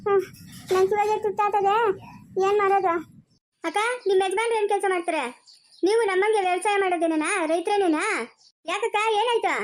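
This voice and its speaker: A woman performing a village comedy skit with a Chikkaballapur rural Kannada accent, chattering in fast, exasperated nagging. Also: extremely high pitch, fairly even intonation.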